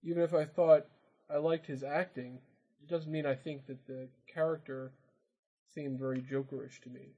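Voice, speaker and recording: A man's voice: fairly high pitch, steady tone, normal speed, dark tone, breathy edge, lo-fi sound. A man in casual, rambling, opinionated chat as a podcast co-host. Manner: rambling, opinionated, many restarts.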